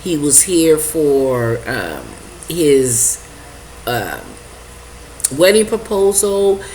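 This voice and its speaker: An older woman telling an emotional personal story, halting and repeating herself as she acts out her own reactions. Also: low-pitched, sing-song, mellow, slight background noise, low-quality recording. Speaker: vlogger sharing a personal testimony.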